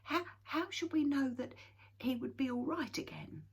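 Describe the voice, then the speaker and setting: Woman doing a little troll boy, high and earnest. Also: moderate pace. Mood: curious, worried. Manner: pleading, earnest. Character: small young male troll, gentle, easily upset.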